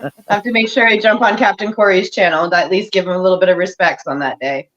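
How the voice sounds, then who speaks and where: A woman's voice: medium pitch, fast talker, a bit bright, lo-fi sound. A woman hosting a live online recovery meeting, chatting earnestly with her guests over a video call. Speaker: host of a recovery meeting show. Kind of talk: casual group chat on a live stream.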